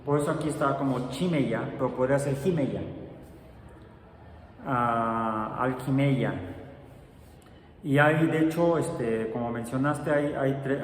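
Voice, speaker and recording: A man teaching a science class, explaining step by step and pausing often on fillers. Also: medium pitch, distant mic. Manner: explanatory, halting with many fillers. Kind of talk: classroom lecture. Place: large echoey classroom. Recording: very echoey hall, faint background noise.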